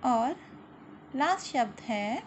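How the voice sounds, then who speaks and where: A high-pitched woman teacher speaks slowly and patiently to young children, drawing out each sound for them to repeat. The audio is a little dull and lo-fi, with a faint hiss underneath. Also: animated. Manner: slow patient explaining, drawn-out sounds repeated; frequent "ठीक है" and "very good" checks. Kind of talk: children's Hindi lesson.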